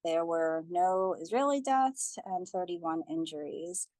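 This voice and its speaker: A young woman presenting at a community teach-in, her voice sitting a little low. She talks earnestly and evenly, reading through figures and a written account with care. The sound is dry and close, with no room around it. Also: slow pace, dry recording. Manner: earnest, steady, reads statistics and a testimony aloud.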